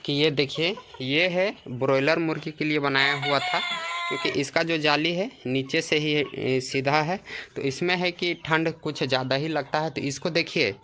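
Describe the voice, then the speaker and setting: A man's voice: a little high, fairly even intonation, moderate pace, noisy background. A male poultry farmer giving an informal tour of his farm shed with casual advice, often checking in with listeners. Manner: casual, repeats "है ना" and "देखिए". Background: chickens clucking.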